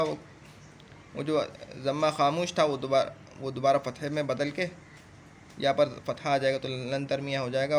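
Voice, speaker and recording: A man's voice: fairly high pitch, a little hiss or hum. A man teaching a grammar lesson. He recites verb conjugations in a rising singsong and then explains them in plain speech.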